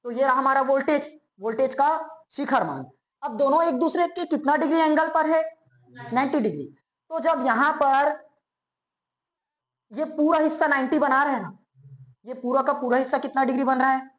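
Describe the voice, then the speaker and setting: A male physics teacher giving a classroom lecture. He keeps asking quick checking questions and answers them himself, and he repeats key terms slowly. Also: very high-pitched, fairly bright tone. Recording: roomy echo, as if in a bare classroom.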